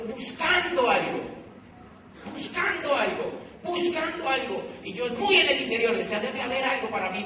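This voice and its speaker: A middle-aged man with a Colombian accent giving an animated motivational talk to an audience, telling his story with many repeated phrases. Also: sits high, noisy background. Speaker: motivational speaker. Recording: echoey hall recorded from far off.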